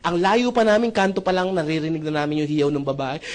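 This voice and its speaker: A man's voice: a little high, lively intonation, quick pace, a little mellow. A man presenting membership benefits to a live audience in a joking sales talk, often checking in with the crowd with rhetorical questions. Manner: jokey, with frequent rhetorical "tama ba?" checks; addresses the audience as brothers and sisters.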